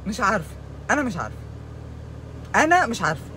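Hosting a video, a young Egyptian woman with an Egyptian Arabic accent launches into a dramatic comedic rant, occasionally slipping into mock sobbing and sprinkling in English words. She speaks quickly at a medium, sing-song pitch, her delivery pushed and bright. A faint hiss or hum sits under the audio.

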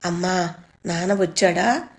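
Woman playing frightened young schoolboy, storybook reading, loud anguished cries, higher voice. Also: a little slow, roomy sound. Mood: bewildered. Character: frightened young schoolboy calling for his mother.

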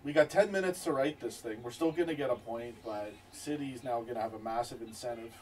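A man's voice: medium pitch, brisk, a little mellow. A young man giving casual watch-along commentary as a football fan. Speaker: football fan reacting to a match. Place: small wood-panelled fan room, away from the camera. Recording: room mic at a distance.

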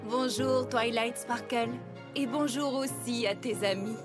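Regal cartoon pony princess played by a woman, fairly high voice, formal and composed, music behind. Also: measured pace, close to an everyday voice. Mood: gracious. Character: gracious, regal adult female pony princess. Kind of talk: French-language cartoon dubbing.

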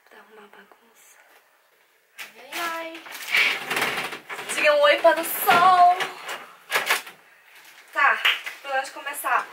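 A young woman from Brazil with a Brazilian Portuguese accent, chatting casually and excitedly to the camera in her bedroom vlog. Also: fairly high pitch, noisy background. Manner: chatty and bubbly, squeals with excitement. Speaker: vlogger.

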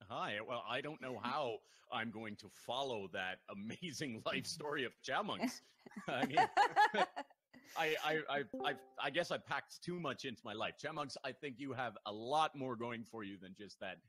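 A man's voice: mid-range voice, very animated, moderate pace, fairly bright tone, low-quality recording. A man speaking as a guest on a panel over a voice call, talkative and upbeat with plenty of fillers. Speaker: panel guest, company founder. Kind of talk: casual panel chat.

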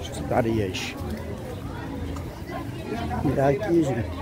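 A man's voice: mid-range voice, lively intonation, drawn-out words. A man with a northeastern Brazilian accent giving a casual, repetitive walking tour commentary, pointing things out to viewers. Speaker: vlogger. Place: busy open-air street market. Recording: loud street market crowd and traffic noise. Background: crowd, street noise, vehicles.

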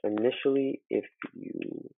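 A man's voice: mid-range voice, fairly even intonation, a little slow, creaky, slight background noise. A student talking through a casual computer tutorial with lots of fillers, his voice muffled as if heard through a wall from a built-in laptop mic. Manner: loose and chatty, with many fillers. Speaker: student making a how-to video. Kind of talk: casual screen-recording tutorial. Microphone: built-in laptop microphone.

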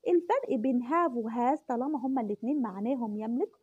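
A woman with an Egyptian accent teaching English words to young children, explaining in Arabic and repeating each word slowly many times. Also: a little high, expressive, a little mellow, slightly rough. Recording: dull lo-fi recording.

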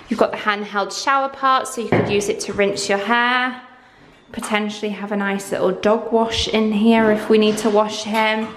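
A woman's voice: medium pitch, a little hiss or hum. Chatty woman in an echoey empty room. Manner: chatty, excitable, gushing. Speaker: vlogger. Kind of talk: casual house-tour vlog. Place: empty bathroom under renovation, indoors. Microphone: handheld camera.

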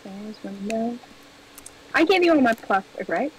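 A woman's voice: on the high side, animated, far from the mic, a little hiss or hum, poor audio. A woman playing a game with a friend on stream, chatting casually and laughing often. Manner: slow and giggly, laughs often. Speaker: co-player on a stream. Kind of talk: casual gaming chat.

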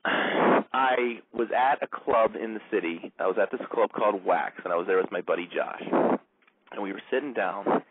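A man's voice: on the low side, normal speed, noisy background. A male radio host casually telling a long, rambling story, with lots of fillers. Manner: rambling, full of "like" and "you know". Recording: narrow phone-like band, dry.

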